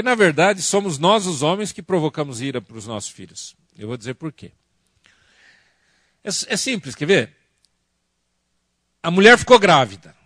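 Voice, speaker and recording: A man with a Brazilian Portuguese accent giving a lively church workshop talk on family, asking the audience questions and acting out family arguments. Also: a little high, no room sound, clean studio sound. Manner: animated, acts out quoted family arguments. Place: church conference hall.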